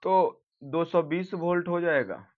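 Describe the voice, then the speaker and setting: In an exam practice lesson, a man with a fairly high voice reads questions aloud one by one and answers each himself at a slow pace, steady and teacherly, now and then correcting himself. The audio is dull and lo-fi.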